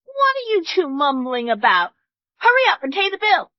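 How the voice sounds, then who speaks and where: A woman's voice: high-pitched, sing-song, normal speed, no room sound. A woman dubbing a snobbish, scornful wealthy mother-in-law who talks down to others. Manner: haughty, insulting. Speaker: groom's mother. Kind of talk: English drama dub. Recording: dull dry studio dub.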